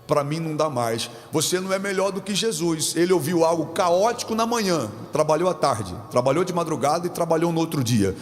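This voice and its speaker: A man's voice: on the high side, brisk, few pauses. A man preaching a dramatic Pentecostal sermon as pastor, with a Brazilian Portuguese accent, calling out to the congregation. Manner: dramatic, calls out to congregation, bursts of shouting. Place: large church hall. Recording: church hall reverb with music.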